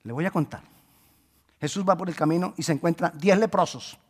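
A man preaching a sermon, moving between hushed pleading and loud emphatic calls, and acting out the voices in the stories he tells. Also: on the high side, fairly quick. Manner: acts out quoted voices in storytelling. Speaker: pastor.

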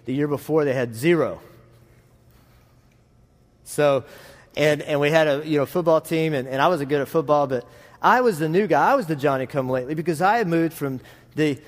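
A man's voice: fairly high pitch, a little fast, pauses often. A man with a rural Texas drawl preaching conversationally, in a folksy, rambling, self-deprecating way. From Texas, United States. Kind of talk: conversational sermon with anecdotes. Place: large reverberant room, preaching to a congregation. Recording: reverberant hall sound.

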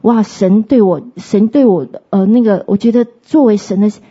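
Husky-voiced woman giving a faith testimony. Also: medium pitch, warm tone, lo-fi sound. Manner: earnest, halting storytelling with many restarts.

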